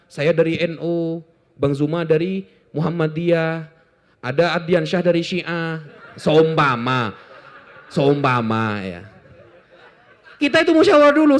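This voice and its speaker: A man from Indonesia, talking informally to an audience in a joking, animated way with lots of asides. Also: high voice. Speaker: Islamic apologetics speaker.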